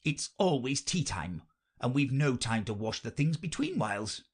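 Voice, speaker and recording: A rambling, theatrical hatmaker with a mournful streak, as a man narrator acts him out. His pitch bounces all over, and the voice has a husky grain. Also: very animated, moderate pace. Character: odd, mournful grown male hatmaker.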